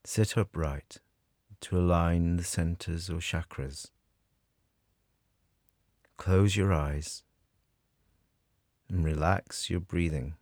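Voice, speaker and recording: A man guiding a scripted meditation in a soothing, measured way with long pauses. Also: low-pitched, fairly even intonation, a little mellow, no echo, clean studio sound. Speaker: meditation guide. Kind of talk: guided meditation narration, scripted.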